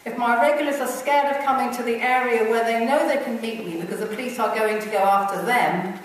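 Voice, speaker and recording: A woman's voice: on the high side, brisk, a little hiss or hum. A woman reading a personal statement aloud in a plain, earnest way. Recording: echoey room from far off.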